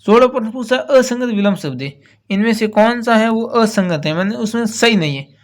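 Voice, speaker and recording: High-voiced man explaining exam answers. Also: expressive, normal speed. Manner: explains patiently, repeating key words. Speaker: teacher.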